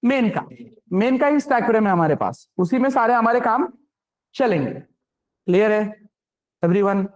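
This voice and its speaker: A man's voice: high voice, animated. A man giving a programming lecture, often stopping to ask if the class understands. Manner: keeps checking understanding with quick questions. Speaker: programming instructor.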